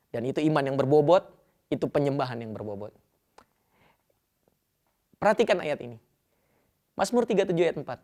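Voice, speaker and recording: A man's voice: a little high, darkish tone. A male pastor giving a sermon in a conversational, colloquial way, acting out prayers as he goes. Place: church.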